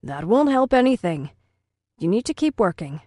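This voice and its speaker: A woman voicing a stern, calm male schoolteacher who lectures firmly. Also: mid-range voice, no echo, clean studio sound. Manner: firm, measured lecturing.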